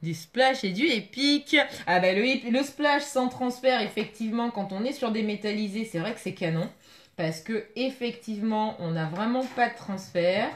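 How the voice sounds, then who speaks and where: Female live streamer, fairly high voice, excitable and chatty, keeps greeting viewers by name. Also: moderate pace.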